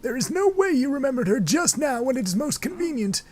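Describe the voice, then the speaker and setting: A man's voice: extremely high pitch, sing-song, fairly quick, darkish tone, voice pushed up, full character voice. A man voicing a proud, haughty male fish-man elder in a stiff, formal, indignant way. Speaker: fan voice-over of cutscene dialogue.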